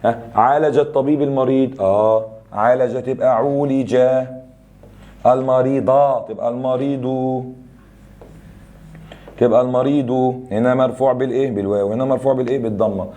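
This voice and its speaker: A young adult man with an Egyptian accent teaching a grammar review lesson, explaining rules and firing quick questions at students. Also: medium pitch, steady tone, warm tone. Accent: Egyptian Arabic.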